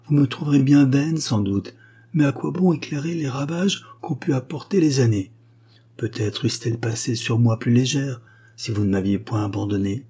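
A man's voice: medium pitch, moderate pace, mellow, husky, voice pushed up, lightly acted. A man voicing a proud, mocking ghostly young widow in an audiobook, raising his voice and slipping into whispers. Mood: bitter. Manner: teasing, wistful, half-whispered. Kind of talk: audiobook reading.

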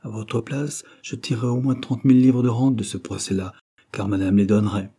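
A man's voice: lowish voice, fairly even intonation, fairly quick, dark tone, breathy edge. A man reading aloud and voicing a shrewd older male steward who gives calculating advice. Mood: sly.

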